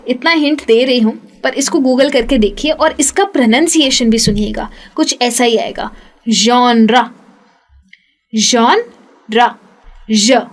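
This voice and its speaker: A young woman teaching English pronunciation, patiently repeating each sound slowly for practice. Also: high voice. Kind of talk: spoken English lesson.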